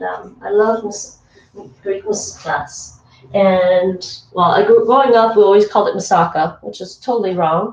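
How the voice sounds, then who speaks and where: A Toronto woman livestreams from her home kitchen, cooking while chatting casually with her stream chat and laughing often. Her mid-range voice is off-mic and distant, and the recording is muffled and echoey with a little hiss or hum.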